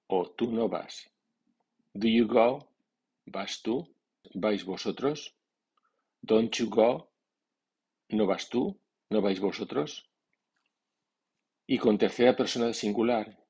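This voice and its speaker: A male English teacher with a fairly low, slightly husky voice. He works through drill sentences very slowly and deliberately, repeating each one clearly. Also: darkish tone. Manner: measured, repeating English example sentences and explaining in Spanish. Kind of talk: slow, deliberate language drill.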